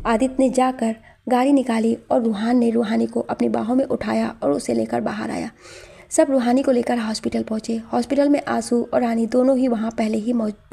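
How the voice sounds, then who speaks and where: A woman narrating an audio drama story in a steady, dramatic storytelling manner. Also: a little high, vocal fry, husky.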